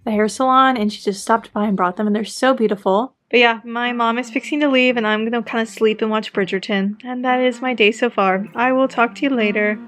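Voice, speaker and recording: A woman's voice: fairly high pitch, steady tone, fairly quick, hardly any pauses, a bit bright. A young woman chatting casually to her vlog, groggy and rambling, her mouth sore and swollen after oral surgery. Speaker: vlogger.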